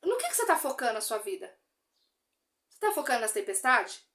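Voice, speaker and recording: A woman's voice: fairly high pitch, huge pitch swings, fairly quick, a bit bright. A Brazilian Portuguese woman giving an earnest religious testimony, speaking straight to her listeners and repeating phrases for emphasis.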